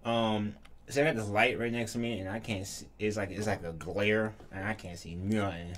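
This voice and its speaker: A man's voice: fairly low pitch, steady tone, moderate pace, fairly bright tone, slight background noise. A young man giving casual, reactive game commentary, slangy and sweary, often repeating himself. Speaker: gaming video host. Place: small furnished room indoors. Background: game music.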